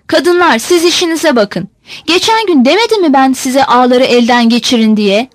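A woman reader voicing a bossy old fisherman father who snaps at the women of the house and hands out orders. the reading stays lively and high, recorded close and dry. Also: normal speed, no room sound. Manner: bossy, impatient, commanding.

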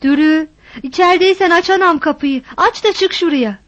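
A woman's voice: extremely high pitch, moderate pace, fairly bright tone, dry recording, dull audio, pitched above the performer's own voice. A woman voicing a frantic village mother who shrilly scolds and calls for her daughter.

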